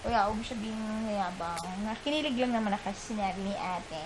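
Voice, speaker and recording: A woman's voice: medium pitch, a little fast. A young woman from the Philippines, a mom vlogger telling a story in a chatty, giggly, rambling way, recorded on a camera mic at home. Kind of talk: casual storytelling vlog. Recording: noisy room ambience.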